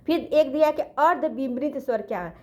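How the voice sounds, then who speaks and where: A high-pitched female teacher gives an exam-prep grammar lesson in a methodical, step-by-step way. She asks questions and answers them herself, corrects her own slips, and slowly counts letters aloud.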